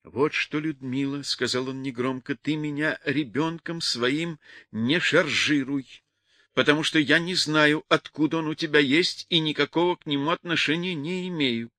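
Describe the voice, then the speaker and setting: A man voicing a stubborn young soldier who speaks stiffly and quietly, in an audiobook reading. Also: fairly high pitch, normal speed, no room sound. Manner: stiff, pleading.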